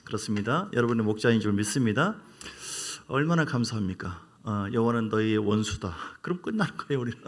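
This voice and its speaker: A middle-aged man, preaching a sermon in a lively, playful way that jumps up in pitch. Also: fast. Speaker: pastor.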